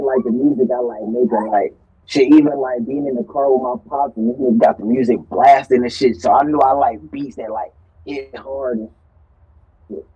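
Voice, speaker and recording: A man's voice: mid-range voice, warm tone, husky. A man answering interview questions in laid-back, slangy casual talk, his voice muffled as if heard through a wall. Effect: muffled sound, as if heard through a wall. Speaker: interview guest, rapper. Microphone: remote call setup, speaking away from the mic.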